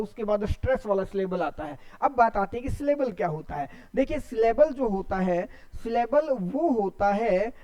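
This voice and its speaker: A man's voice: high voice, dark tone, no room sound. A man teaching an exam-prep class in Hindi with terms, explaining step by step and answering his own questions.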